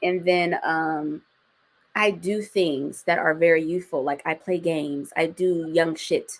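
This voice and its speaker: A woman's voice: sits low, steady tone, takes it slowly. A woman in her forties, a guest talking casually and outspokenly, with slang and some swearing. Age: 40s. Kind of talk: casual interview chat.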